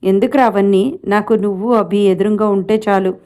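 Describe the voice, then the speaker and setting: A woman's voice: medium pitch, steady tone, normal speed, warm tone, close to an everyday voice. A woman voicing a fond middle-aged father. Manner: fond, then urgent.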